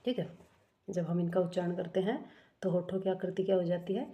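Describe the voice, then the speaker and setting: A woman's voice: lowish voice, level tone, brisk, highs cut off. A woman teaching an exam-prep grammar lesson, explaining step by step, asking questions and answering them herself, and correcting herself often.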